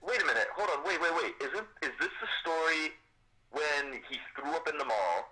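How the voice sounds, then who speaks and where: A man's voice: fairly high pitch, expressive, moderate pace, bright, forceful tone, rough recording. A man talking over a phone on speakerphone, a friend calling in with laid-back, dry joking. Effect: heard over a phone on speakerphone. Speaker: friend calling in to a live stream. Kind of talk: casual phone chat.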